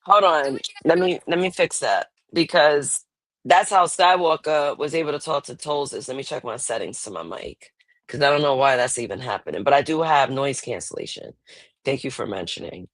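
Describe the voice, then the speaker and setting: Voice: mid-range voice, normal speed, no echo. A laid-back podcast host talking casually from home through wireless earbuds, the voice chopped and thinned by noise cancellation. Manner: laid-back, rambling, loud exclamations. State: sleepy, just out of bed. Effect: voice clipped by earbud noise cancellation. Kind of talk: casual chat. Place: home, at a computer.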